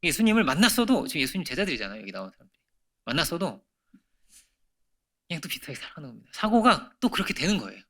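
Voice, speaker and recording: Bright-voiced preaching man, asking the room. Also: mid-range voice, big pitch swings, very fast, vocal fry. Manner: conversational preaching with frequent rhetorical questions; rises to emphatic peaks and drops to near-whispers. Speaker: pastor. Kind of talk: sermon. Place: church sanctuary.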